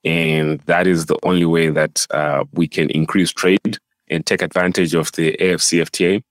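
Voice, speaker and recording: A man from Africa co-hosting a casual discussion, explaining in a measured way with fillers. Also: low voice, little pitch movement, no echo.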